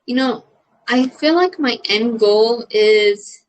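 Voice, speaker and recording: Young woman comic, slightly high voice, rambly, loose, swears easily. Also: slow, poor audio. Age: young adult. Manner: rambling, filler-heavy, swears casually. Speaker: comedian answering questions. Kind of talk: casual chat.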